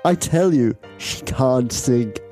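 A man's voice: medium pitch, expressive, slow, dark tone, faint music behind. A man playing a stout, pompous middle-aged Englishman who blusters with confidence. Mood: boastful. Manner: blustering, boastful.

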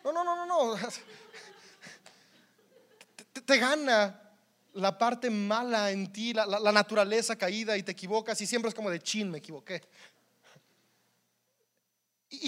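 A man's voice: high-pitched, a little fast, pauses often, fairly bright tone. A man with a Mexican accent preaching a sermon in a conversational, humorous way, often repeating words as he goes.

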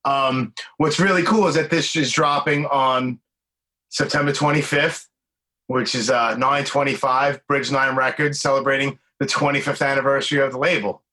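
A New man in his forties hosts a laid-back podcast chat. His voice is bright and forceful, and he talks in loose, rambling runs full of "like" and restarts. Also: mid-range voice. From Brooklyn, New York. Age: 40s. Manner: rambling, filler-heavy, enthusiastic. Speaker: podcast host. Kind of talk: casual interview chat.

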